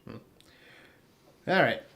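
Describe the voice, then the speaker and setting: A man co-hosting a casual podcast, animated, swearing freely and laughing often. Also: takes it slowly. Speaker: podcast co-host. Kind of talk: casual chat.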